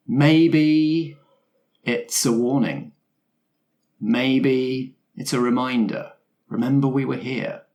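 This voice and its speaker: Hosting a tabletop roleplay show as its game master, this mid-range-voiced man shifts from announcements to narration to casual chat.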